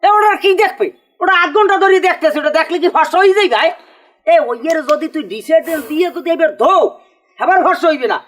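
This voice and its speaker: A man playing brash whining village bachelor, high. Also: quick pace, a little hiss or hum. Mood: mocking. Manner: loud, brash, rural dialect, whining. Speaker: actor in a village comedy drama. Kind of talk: rural comedy drama acting.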